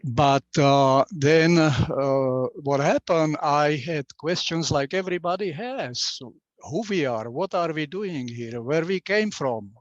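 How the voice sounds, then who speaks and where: A man's voice: fairly high pitch, takes it slowly, dry recording. A man in his sixties from Slovakia, a native Slovak speaker with a Slovak accent, talking casually as an interview guest and hesitating often with fillers and restarts. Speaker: guest, author. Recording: dull lo-fi dry sound.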